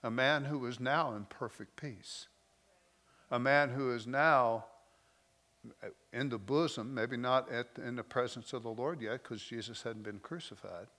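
A man preaching a sermon, moving between slow, emotional lines with soft drops and loose, conversational asides. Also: mid-range voice. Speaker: pastor.

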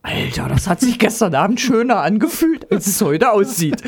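A woman telling lively anecdotes in casual chat, laughing often and acting out quotes. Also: mid-range voice, moderate pace, breathy edge.

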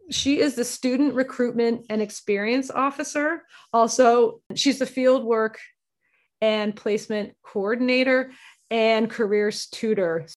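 A woman hosting a podcast, talking in a casual, conversational interviewing style. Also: on the high side. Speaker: podcast host.

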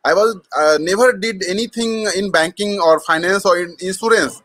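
A man with an Indian accent and a fairly high-pitched voice speaks as an interview guest. He tells his story in a conversational, halting way, dropping Hindi phrases into his English. The sound is dry, with very little room echo. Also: fairly bright tone. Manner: hesitant, frequent mid-sentence Hindi switches. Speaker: startup co-founder, interview guest.

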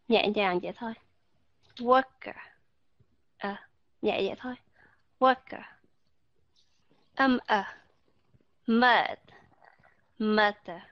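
A woman with a fairly high voice leads an online pronunciation lesson. She talks patiently and repeats example words slowly to show each sound. The recording is dry and a little dull and lo-fi. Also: dry recording. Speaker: pronunciation teacher.

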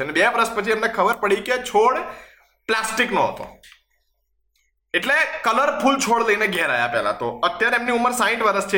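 A man's voice: high voice, sharp tone. A young man hosting a comedic mock news monologue, sarcastic, mixing in English words. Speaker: host. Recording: echoey room.

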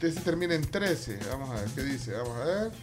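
A man's voice: medium pitch, very animated, a little fast. A Salvadoran man hosting a casual live radio chat, rambling and repeating words as he goes. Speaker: radio show host. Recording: clear music bed behind. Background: music.

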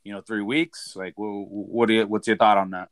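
A male podcast co-host with a fairly low voice chats about sports casually. He is slangy and circles back over his phrases, in a close, dry recording. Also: flat delivery, fairly quick, no room sound. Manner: slangy, repeats himself.

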